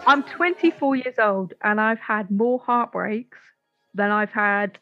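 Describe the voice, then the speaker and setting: Loud music sits behind this podcast co-host, a woman in her twenties with a medium-pitched voice who takes her time. The audio is dull. She's chatty, curses without hesitation, and leans heavily on "like" as filler.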